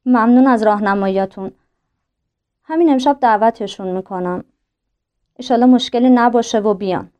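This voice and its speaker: Actress as a polite young nurse. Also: female voice, fairly high pitch, pauses often, smooth, highs cut off, lightly acted. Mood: polite, warm. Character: young kind-hearted nurse.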